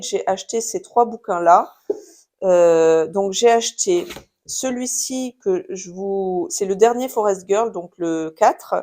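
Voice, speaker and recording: A woman's voice: mid-range voice, warm tone. Chatty French woman showing craft buys. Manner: chatty, many fillers and restarts. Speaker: craft YouTuber showing purchases. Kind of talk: casual haul video chat. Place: home with a baby nearby.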